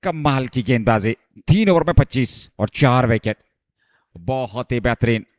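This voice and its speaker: A man commentating live on a cricket match, getting excited as the play heats up. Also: mid-range voice, measured pace, no room sound, clean studio sound.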